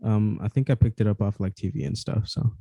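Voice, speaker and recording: A man from Mexico, talking casually on a podcast in a relaxed, hesitant way with many restarts. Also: lowish voice, fairly quick, husky, no room sound.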